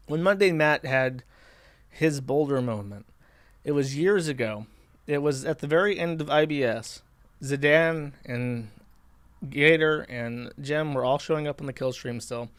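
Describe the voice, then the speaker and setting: A man's voice: medium pitch, dry recording. A man hosting a stream, giving a rambling, sardonic monologue with frequent restarts. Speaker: streamer host. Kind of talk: monologue commentary.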